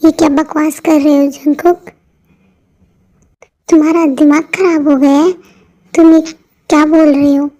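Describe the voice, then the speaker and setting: A woman's voice: high-pitched, flat delivery, unhurried, pauses often. A woman voicing a protective, indignant young sibling in an amateur fan dub drama, pleading and then protesting. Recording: muffled lo-fi audio with soft music.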